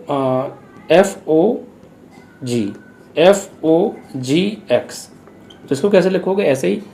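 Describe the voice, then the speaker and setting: A man's voice: a little high, gravelly, darkish tone. A man speaking, teaching a math lesson patiently, repeating each step and asking questions aloud. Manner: patient, repeats steps and asks rhetorical questions.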